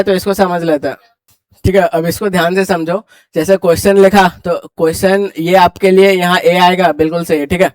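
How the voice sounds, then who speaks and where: Brisk high-voiced male classroom teacher. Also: no room sound. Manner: brisk, quizzing students and urging them to hurry. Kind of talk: classroom grammar lecture.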